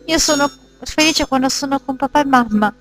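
A woman's voice: high voice, a little fast, fairly bright tone, faint music behind, pitched above the performer's own voice. A woman voicing a scared pleading little girl. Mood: desperate. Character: frightened little girl, devoted to her parents.

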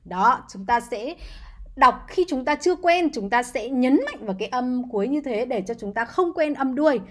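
A woman's voice: high voice, expressive, normal speed, a bit bright. A woman teaching English words to young children, spelling each one letter by letter and coaxing them to repeat after her. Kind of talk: slow, patient spelling lesson.

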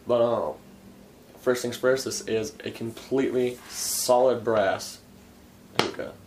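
A man's voice: mid-range voice, steady tone, slow. A young man giving an informal, enthusiastic product review as casual chat, picked up by a camera a few feet away indoors. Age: young adult. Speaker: hookah reviewer. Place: garage workshop, indoors. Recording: faint background room noise.

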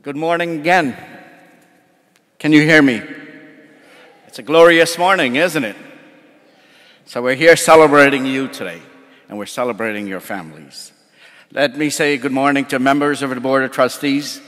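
A man's voice: mid-range voice, normal speed, long pauses, a bit bright. A man giving an upbeat commencement address as campus chancellor, speaking directly to the audience from a podium. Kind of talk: formal speech with audience engagement. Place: large auditorium stage. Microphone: podium microphone. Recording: long hall reverb with crowd.

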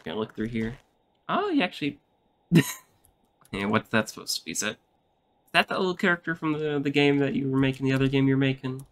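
A man hosting a gaming video, chatting casually over gameplay with loud, excited reactions. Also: mid-range voice, brisk, pauses often.

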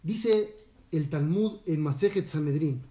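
A man's voice: a little high, unhurried, warm tone. A man, a rabbi teaching a Torah lesson, telling a story and asking his listeners questions. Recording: echoey room, distant mic.

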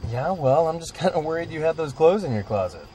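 A man's voice: a little high, big pitch swings, a little fast, mellow, slight background noise. An actor playing a sarcastic young man who teases his friend in a dry, mocking way. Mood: teasing.

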